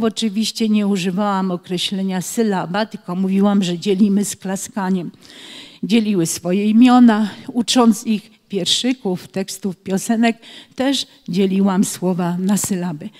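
A woman's voice: mid-range voice, darkish tone. Woman lecturing preschool teachers, reverberant. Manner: explanatory, reads children's rhymes aloud with slow rhythmic emphasis. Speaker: author and early-years educator. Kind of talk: webinar talk for preschool teachers. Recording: long hall reverb.

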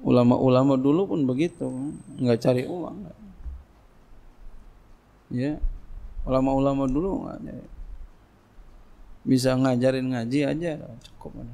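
A middle-aged man a gravelly, creaky voice and a lilt gives a relaxed religious lecture. He talks the way he would in conversation, repeating himself and tossing out rhetorical questions. His pitch sits in an ordinary middle range. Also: takes it slowly, pauses often. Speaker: Islamic boarding school teacher.

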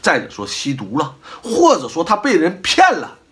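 Animated, bright-voiced middle-aged man lecturing. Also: on the high side, normal speed. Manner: animated, full of rhetorical questions; emphatic, lecturing tone. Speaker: host giving life advice. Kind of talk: casual advice monologue.

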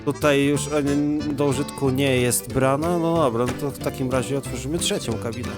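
A young man giving let's play commentary, excitable and laughing, often swearing and reading game text aloud. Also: medium pitch, fairly quick, music in the background. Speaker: gaming YouTuber.

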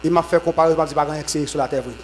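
A man preaches a sermon. His voice sits high for a man. He swings from shouted, fervent bursts to lower, quieter teaching. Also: steady tone, fast talker, poor audio. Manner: shouts in fervent bursts with repeated amens, drops low when teaching. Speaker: apostle preaching at a conference.

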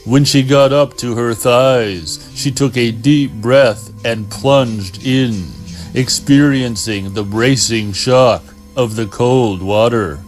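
A man narrating an audiobook in a slow, measured way. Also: medium pitch, faint music behind.

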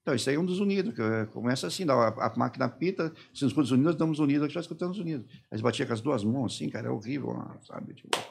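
A middle-aged man from Brazil, a podcast guest, telling his story haltingly and quoting the people who questioned him. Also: mid-range voice, expressive, gravelly, breathy edge. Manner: halting retelling, quoting his interrogators and himself. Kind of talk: personal testimony in a podcast interview.

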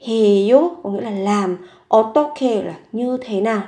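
Fairly high and mellow, this Korean teacher's voice moves a little fast. She patiently goes over vocabulary, repeating words and asking herself questions about example sentences, and the recording has a roomy echo.

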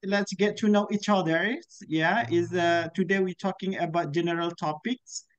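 A man's voice: high voice, steady tone, normal speed, clear, resonant tone. A man leading an online English speaking class, with short, encouraging prompts to his students. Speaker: English teacher. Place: indoor room with virtual background. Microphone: video call. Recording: muffled video call audio.

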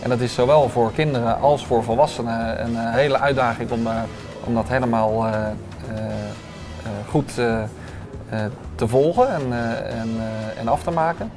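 This is a restaurant owner in his thirties being interviewed in a bright restaurant dining room, wearing a lapel mic. He speaks at medium pitch and a moderate pace, with many hesitant filler sounds, while music plays in the background.

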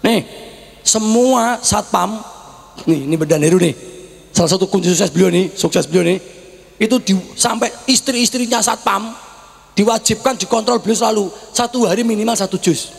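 A man with a Javanese accent preaching to students, teasing them and shouting questions for the crowd to answer. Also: high-pitched, normal speed, creaky. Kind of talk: lively sermon to students. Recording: echoey hall recording.

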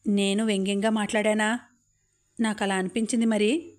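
A woman reading the lines of a calm, reserved young man in an audiobook, in a plain, measured delivery. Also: medium pitch, lightly acted.

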